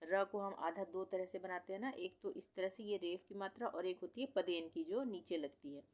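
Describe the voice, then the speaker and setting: Patient woman teaching slow word reading. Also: on the low side, a little mellow. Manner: repeats each word slowly, stretching syllables; patient, explanatory questions to the learner. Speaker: Hindi teacher. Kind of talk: slow instructional reading lesson.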